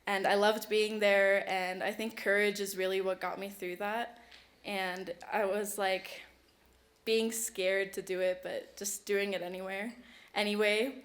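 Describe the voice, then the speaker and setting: A woman's voice: medium pitch, little pitch movement, unhurried. Emotional teenage girl giving an acceptance speech. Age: late teens. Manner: chatty and emotional, filler-heavy, bilingual. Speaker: award recipient. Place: awards ceremony stage.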